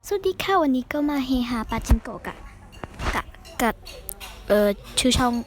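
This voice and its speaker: A high-voiced young woman talks through her match in loose, excitable commentary, cursing at the game and chatting to her viewers. She is recording in a room at home, with a faint hiss under her voice. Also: normal speed. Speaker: gaming channel host. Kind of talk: casual live gameplay commentary. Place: room at home with a fan running.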